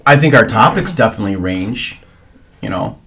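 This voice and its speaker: A man's voice: lowish voice, lively intonation, moderate pace, a bit bright. A man co-hosting a podcast in casual chat, teasing and asking playful questions. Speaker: podcast co-host.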